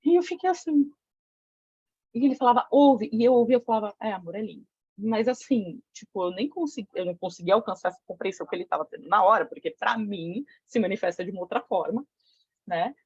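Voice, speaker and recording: A woman's voice: medium pitch, animated, quick pace, darkish tone, husky, no room sound. A woman with a Brazilian Portuguese accent tells a candid story to a group. She talks frankly, with slang and swearing. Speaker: women's tantra circle facilitator. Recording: dull lo-fi sound.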